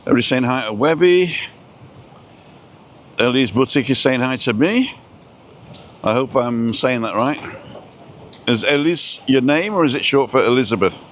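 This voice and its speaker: Out walking, a Welsh live-stream host talks casually and reads his viewers' comments aloud, captured on a phone outdoors. He has a medium-pitched, expressive voice at a moderate pace with long pauses, and there is a little hiss or hum.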